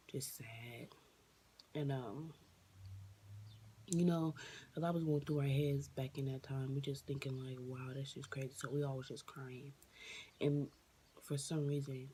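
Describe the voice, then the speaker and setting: A woman telling a personal story on her vlog, emotional and near tears, halting with many fillers and restarts. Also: rumbling low, mellow, slight background noise. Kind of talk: casual storytime monologue.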